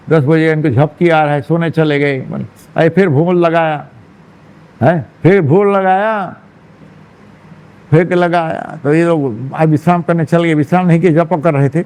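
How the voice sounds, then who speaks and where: A man, a monk, telling a devotional story in a sermon, with lively narration and frequent asides to his listeners. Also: on the high side. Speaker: monk preacher. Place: temple hall.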